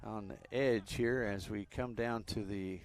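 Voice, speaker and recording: Low-voiced man calling youth soccer. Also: a little slow. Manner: relaxed, chatty, with frequent fillers. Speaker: play-by-play commentator. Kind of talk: live soccer commentary.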